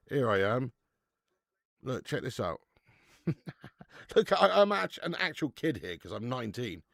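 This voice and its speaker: Gravelly man in his thirties. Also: medium pitch, no echo, studio quality. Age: 30s. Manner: laughing, swearing banter with chat. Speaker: football watch-along host. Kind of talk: casual live-stream chat.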